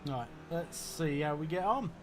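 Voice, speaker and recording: A man talks casually through his sim racing session. His voice sits slightly high and he muses with some hesitation. Faint car noise from the game runs behind him. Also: animated, a little slow. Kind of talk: casual gameplay commentary. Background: racing game car sounds.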